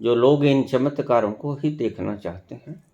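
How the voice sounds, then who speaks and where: A man giving a spiritual discourse as a teacher, speaking slowly and emphatically with long pauses. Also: mid-range voice, vocal fry, warm tone, dull audio. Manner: slow, emphatic, with long pauses and rising stresses.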